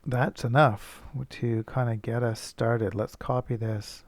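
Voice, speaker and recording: A man's voice: medium pitch, fairly even intonation, takes it slowly. A male teacher thinking aloud as he works through a coding problem, casual and self-correcting. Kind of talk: screencast coding lesson.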